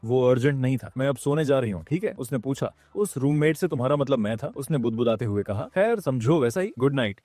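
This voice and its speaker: A man narrating a story recap, reading every character's lines with only slight pitch shifts. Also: quick pace, few pauses, dark tone, no echo.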